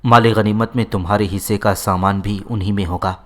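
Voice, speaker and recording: A man's voice: lowish voice, fairly even intonation, fairly bright tone, lightly acted. Man reading as a firm old matriarch. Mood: firm, motherly. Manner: firm, motherly. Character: elderly mother, commanding yet loving matriarch.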